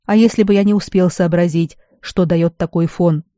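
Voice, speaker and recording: A reader voicing a weary male garrison healer who scolds at first, then speaks with fatherly gentleness. The recording is dull and dry. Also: high voice, steady tone, moderate pace, clear, resonant tone, no room sound, close to an everyday voice. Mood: gently lecturing. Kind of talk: audiobook character voice.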